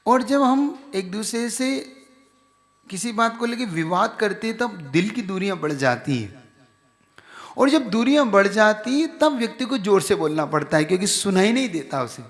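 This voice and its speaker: A monk with a high, very animated voice speaks at a normal pace, delivering a conversational sermon and asking his audience questions. He is in a large hall full of listeners, and the recording carries the hall's reverb.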